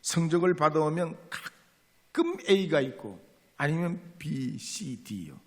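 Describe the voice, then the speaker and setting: A man's voice: a little high, very animated, slow pace, big-room sound. A man preaching a sermon as a pastor, speaking earnestly and acting out short dialogues in a church sanctuary.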